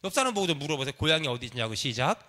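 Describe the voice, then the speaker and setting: Bright, high-voiced preacher leading a congregation. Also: male voice, sing-song, rapid-fire. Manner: leads the congregation in call and response. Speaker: pastor. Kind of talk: sermon. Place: church sanctuary.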